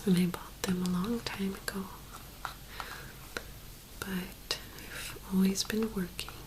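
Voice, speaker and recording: A woman speaking in a soft, hushed whisper, gently presenting an ASMR tapping video. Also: medium pitch, level tone, slow, background noise.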